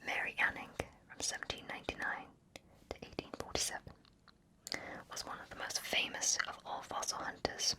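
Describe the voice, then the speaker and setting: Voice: normal speed, low-quality recording. An ASMR narrator whispering scripted facts right up close to the listener's ear throughout. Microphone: close ear-to-ear stereo microphone.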